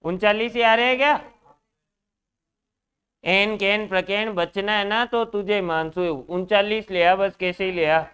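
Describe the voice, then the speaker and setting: A man's voice: high voice, unhurried, a bit bright, clear, resonant tone. A man teaching a reasoning class in Hindi with a Rajasthani accent, joking with and teasing his students as he sets problems in a classroom.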